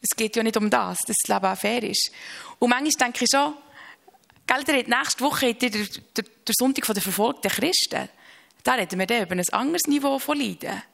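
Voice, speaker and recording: A woman, speaking earnestly and reflectively about her faith as an interview guest, with halting restarts and slow emphasis on key phrases. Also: on the high side, creaky, a bit bright.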